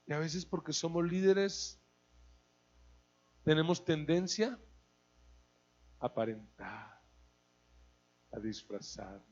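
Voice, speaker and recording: Middle-aged male preacher, lively and funny from the pulpit, raised voice, slightly muffled recording. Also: a little high, slow, pauses often. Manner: animated, humorous, acts out scenes. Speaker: guest preacher. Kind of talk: sermon. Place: church service.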